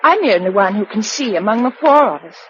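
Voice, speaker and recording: An actress playing Josella, an affectionate, capable British young woman in a radio drama, emotional and wryly tender with a slightly breathy voice. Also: medium pitch, animated, fast talker, fairly bright tone, slight background noise, natural voice. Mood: brisk. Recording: dull old radio recording.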